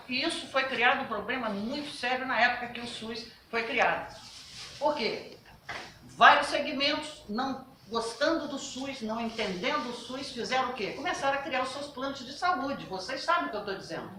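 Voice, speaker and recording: A woman on a national health council gives an emphatic talk to a workshop, asking rhetorical questions and speaking loudly. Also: on the high side, a little hiss or hum. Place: workshop meeting room. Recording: roomy, from a distance.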